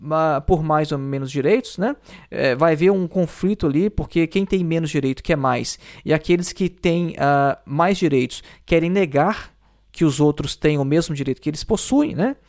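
A man's voice: fairly high pitch, a little mellow. A man explaining philosophy in a lecture, thinking aloud with many fillers and tag questions. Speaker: teacher.

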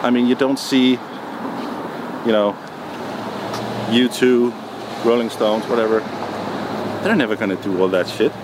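A man answering interview questions in a relaxed, hesitant way, with many ums and restarts. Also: medium pitch, a little slow, pauses often. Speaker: music producer guest. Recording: noisy background.

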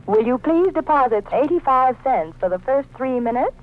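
An actress playing a polite, businesslike long-distance telephone operator, heard over a thin payphone line. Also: female voice, high-pitched, expressive, a little hiss or hum. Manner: brisk, formal, clipped. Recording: tinny phone line, distant.

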